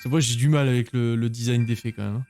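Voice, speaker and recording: Un homme qui commente sa partie de jeu vidéo de façon décontractée, joueuse et pleine d'exclamations. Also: male voice, mid-range voice, fairly even intonation, quick pace, warm tone, faint music behind. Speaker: video game streamer. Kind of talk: casual gameplay commentary.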